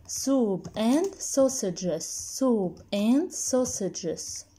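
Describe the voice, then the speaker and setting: Slow, patient woman teaching English. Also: a little high, animated, dark tone, slightly rough. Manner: patient, has pupils repeat after her. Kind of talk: slow, repetitive drilling for young pupils. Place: indoors at a laptop desk, voice-over on screen recording.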